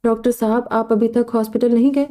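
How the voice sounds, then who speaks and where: Fond middle-aged aunt and mother, read by a woman, warm-dark and level. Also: a little high, steady tone, close to an everyday voice. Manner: affectionate, gently joking.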